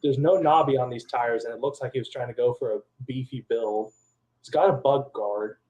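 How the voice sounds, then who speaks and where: A man's voice: medium pitch, moderate pace, darkish tone, rough recording. A man on a video call with a choppy connection, giving a rambling casual opinion full of filler words. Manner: rambling, full of likes and uhs. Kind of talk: casual chat.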